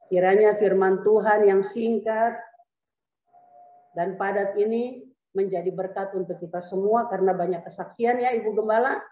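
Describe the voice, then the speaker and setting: A woman's voice: medium pitch, normal speed, a little hiss or hum. A woman pastor preaching a sermon with humor, acting out little scenes as she goes. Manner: lively preaching with humor and acted asides. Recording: echoey hall, phone-like sound.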